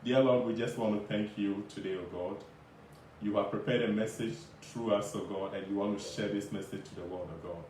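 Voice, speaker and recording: A man singing a solemn, repetitive gospel warning in drawn-out phrases. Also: lowish voice, steady tone, a little mellow. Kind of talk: slow sung gospel refrain about judgment. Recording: very echoey, distant mic, faint noise.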